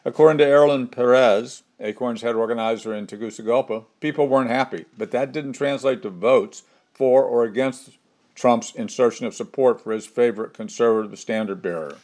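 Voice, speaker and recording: An older man delivers a scripted commentary segment in a measured, opinionated way. His voice sits at a middle pitch, and his reading stays steady and deliberate throughout. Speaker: commentary host.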